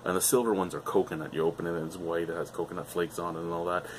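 A man's voice: low voice, little pitch movement, very fast, a little hiss or hum. A middle-aged man reviewing a beer on camera at home, rambling and enthusiastic, swearing freely. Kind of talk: casual beer review vlog. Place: living room at home, indoors.

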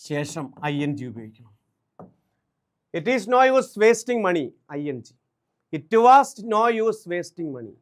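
A man with a Malayali accent teaches an exam-prep English grammar lesson in a fairly high voice. He is brisk and drilling, and he stretches each English example out slowly so students can catch it. He speaks close to the mic.

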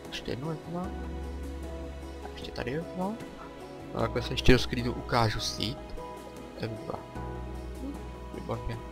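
A man with a Czech accent giving casual let's play commentary, chatty and thinking aloud with excited exclamations. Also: medium pitch, pauses often, over loud music.

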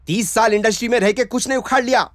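An actor with a Hyderabadi accent playing a scheming, sarcastic small-time film director who flatters and bosses people. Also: male voice, very high-pitched, rapid-fire, very noisy. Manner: wheedling, sarcastic, excitable. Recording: film soundtrack with loud background music.

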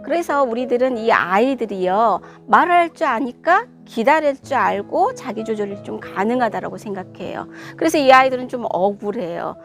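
A woman's voice: a little high, expressive, moderate pace, few pauses, a bit bright, faint music behind. A woman parenting educator giving an emphatic lecture on child discipline and asking her listeners rhetorical questions.

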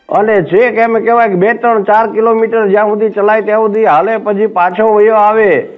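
High-voiced joke teller, tinny sound. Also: male voice. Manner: rambling storyteller, acting out his friend's lines. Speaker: stand-up comedian. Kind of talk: Gujarati folk joke telling to a live audience. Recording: tinny phone-like stage recording with faint music.

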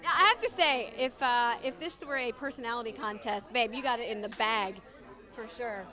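A woman's voice: on the high side, moderate pace, bright, forceful tone. A woman reporter interviewing guests in an upbeat, teasing, giggly way. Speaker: entertainment reporter. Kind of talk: red-carpet interview.

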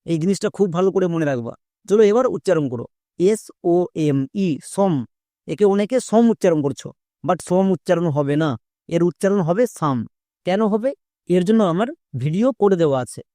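A patient woman teacher takes her students through words one letter at a time, checking in with them as she goes. Her voice is mellow and sits in a middle pitch. The recording is dry and close, with little room sound. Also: dry recording. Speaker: English pronunciation teacher. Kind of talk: spoken lesson for students.

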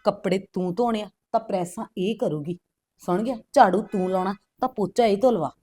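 A middle-aged woman plays a scheming mother in a family drama, the wife's mother, scolding and egging her daughter on. Her mid-range voice is fairly quick, mellow, and husky.

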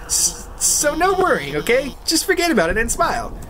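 A woman's voice: high voice, wildly swooping pitch, moderate pace, a bit bright, a little hiss or hum, pitched above the performer's own voice, exaggerated voice, low-quality recording. A woman voicing a nervous, stammering female lizard scientist who guides and reassures. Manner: stammering, hesitant.

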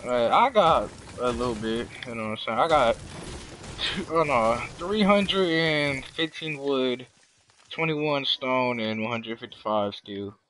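Young man, medium pitch, informal game chat, slangy, faint noise on the line. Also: lively intonation, unhurried, a bit bright. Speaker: gamer. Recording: noisy game voice chat with clicks.

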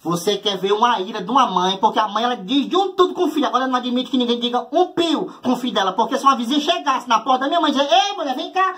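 A man with a Ceará accent telling comic stories to the viewers in a brisk, teasing way. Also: very high-pitched, fairly bright tone. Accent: Ceará Brazilian. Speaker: comedian. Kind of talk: comedic storytelling to camera.

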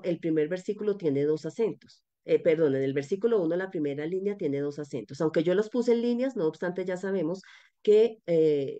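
A woman's voice: low-pitched, dark tone, highs cut off. A woman giving an online lecture on biblical poetry, explaining step by step with frequent hesitations and restarts. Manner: explanatory, methodical, with many fillers and restarts. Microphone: webinar call microphone.

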